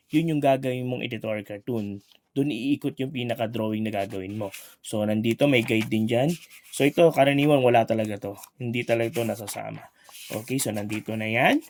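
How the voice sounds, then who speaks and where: A man, an editorial cartoonist, explaining his guide page by page in a casual teaching style, asking rhetorical questions and tagging sentences with "so" and "di ba". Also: medium pitch. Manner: asks rhetorical questions, frequent "so" and "di ba".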